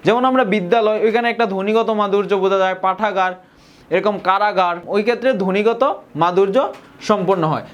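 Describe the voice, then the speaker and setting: Young man tutoring in a high voice. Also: dull audio. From Bangladesh. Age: young adult. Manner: repeats key points, slows down to stress example words. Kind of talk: explanatory grammar lesson.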